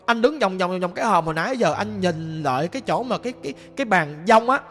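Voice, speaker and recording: Guy playing a sad young ghost telling how he died, southern vietnamese accent, rambly, highish voice, echo and music. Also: animated, fast, fairly bright tone. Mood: sorrowful. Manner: plain, rambling recounting with many restarts. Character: sorrowful ghost of a young man. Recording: long reverb with music behind.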